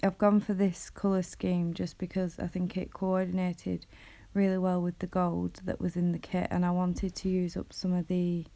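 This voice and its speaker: Soft croaky woman, hesitant and low-key. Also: monotone, normal speed, dry recording. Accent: British English. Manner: hesitant, many ums. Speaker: craft vlogger. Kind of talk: casual voice-over narration.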